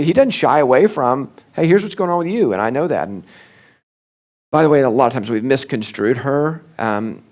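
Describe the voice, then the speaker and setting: A middle-aged senior pastor delivers an animated, conversational church talk at medium pitch. He often slips into acted-out quoted voices, with many restarts and fillers.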